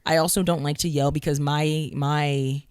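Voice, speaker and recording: Soft-spoken podcast cohost, calm and measured, dry close sound. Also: medium pitch, clean tone, no echo. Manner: calm, measured, explains points at length. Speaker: podcast co-host. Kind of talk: casual podcast discussion.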